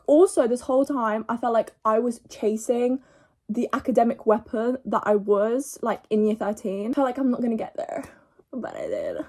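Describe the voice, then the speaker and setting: A woman's voice: a little high, no room sound. A young woman in a casual vlog chat, talking in a chatty way with "like" in nearly every line. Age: young adult. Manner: chatty, fillers of "like" throughout. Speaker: vlogger.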